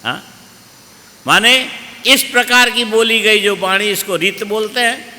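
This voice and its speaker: Slow, bright-voiced male preacher. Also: high voice, big-room sound, a little hiss or hum. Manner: slow teaching cadence, asks listeners questions and answers them; chants Sanskrit verses. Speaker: Bhagavata katha preacher. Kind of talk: Hindi religious discourse.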